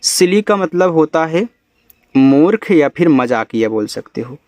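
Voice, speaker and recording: Man, teacher, spells words letter by letter, higher-pitched, dry recording. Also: animated, darkish tone, no room sound. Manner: spells out letters slowly, then explains in Hindi. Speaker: English teacher. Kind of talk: spelling lesson.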